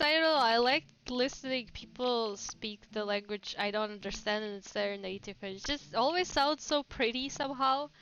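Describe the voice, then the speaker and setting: A woman's voice: a little high, fairly bright tone, poor audio. A woman with a Russian accent, chatting casually and rambling on a game livestream. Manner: chatty and rambling, laughs often. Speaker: VTuber streamer.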